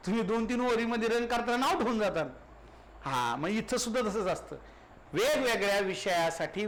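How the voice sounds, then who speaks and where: A man's voice: sits high, a bit bright, a little hiss or hum. A male teacher giving an exam-prep lecture, explaining step by step and answering his own questions.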